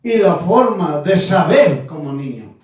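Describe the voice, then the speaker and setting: A man in his nineties preaching a sermon, slow and emphatic, repeating his phrases. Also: fairly high pitch, big pitch swings, darkish tone. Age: 90s. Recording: echoey room from far off.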